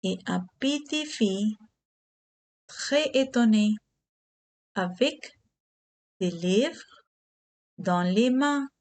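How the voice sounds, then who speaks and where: A woman teaching beginner French, giving English glosses and repeating key words slowly. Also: medium pitch, expressive, darkish tone. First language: Hindi.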